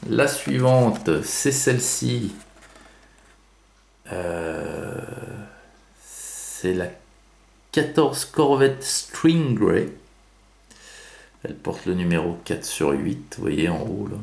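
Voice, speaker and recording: Man, low gravelly voice, slow chatty unboxing talk, echoey room. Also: big pitch swings, darkish tone. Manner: slow, chatty, with many fillers and self-corrections. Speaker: YouTube collector unboxing toy cars. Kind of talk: casual unboxing commentary.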